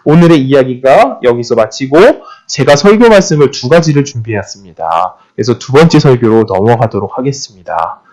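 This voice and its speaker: A man's voice: medium pitch, animated, fairly quick, hardly any pauses, darkish tone. A man preaching a sermon, asking the congregation rhetorical questions and repeating key phrases for emphasis.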